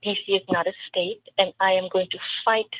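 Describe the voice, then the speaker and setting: A political candidate with a Trinidadian accent answers interview questions earnestly and emphatically, adding storytelling asides. Her mid-range voice is steady and brisk with no room sound, heard over a tinny, phone-like line with faint noise.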